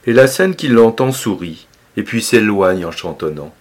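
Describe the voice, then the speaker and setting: A man reciting a poem aloud in an expressive, lilting manner, his emphasis rising and falling from line to line. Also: lowish voice, normal speed.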